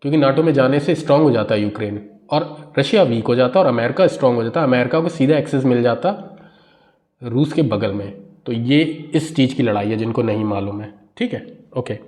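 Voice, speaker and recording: A man teaching English from a newspaper, reading each English phrase slowly with an Indian accent and then explaining it word by word in Hindi. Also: mid-range voice, darkish tone.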